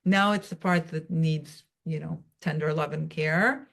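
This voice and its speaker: A woman's voice: low voice, steady tone, a little slow, gravelly, fairly bright tone. A woman guest on a podcast, giving advice in a reassuring way and often checking in with "right?". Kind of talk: casual advice-giving chat.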